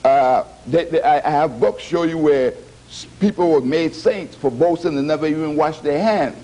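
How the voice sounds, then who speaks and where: Fairly high-voiced man in discussion. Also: moderate pace, mellow, poor audio. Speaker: guest historian. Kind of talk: TV studio discussion.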